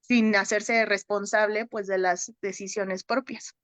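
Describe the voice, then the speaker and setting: A woman's voice: mid-range voice, flat delivery, measured pace, a bit bright, no echo. A woman, a psychotherapist, talking through a film in a discussion group, hesitant and often ending her points with a questioning tag. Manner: hesitant, frequent "¿no?" tags.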